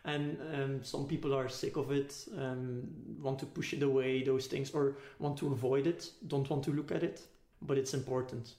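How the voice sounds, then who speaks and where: A man's voice: medium pitch, little pitch movement, moderate pace, few pauses, warm tone. Echoey man thinking aloud in conversation. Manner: tentative, philosophical, searching for words. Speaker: podcast guest. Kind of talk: casual reflective conversation. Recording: echoey, roomy sound.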